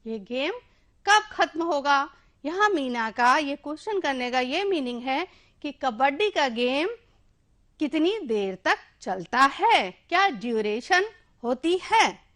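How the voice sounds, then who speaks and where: A woman teacher explaining an English school text in Hindi, reading the English slowly and translating it line by line. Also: high-pitched, animated, fairly bright tone. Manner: slow, drawn-out reading of English sentences, then Hindi translation; chants kabaddi calls in quick repeated syllables.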